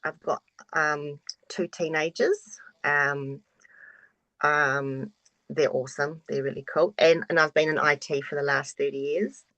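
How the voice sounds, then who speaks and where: A woman in her forties introduces herself with frank openness, now and then letting a curse slip. Her voice sits fairly low. It comes through a video call with a dry, close sound. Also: steady tone, measured pace, a bit bright, no room sound, dull audio. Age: 40s. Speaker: course participant.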